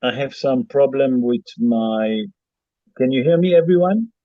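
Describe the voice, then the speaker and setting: A man's voice: medium pitch, expressive, no echo. A man, a rabbi, teaching a class over a choppy group video call and repeating himself as the connection cuts out. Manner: halting, repeats himself while the line breaks up. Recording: muffled lo-fi internet call audio.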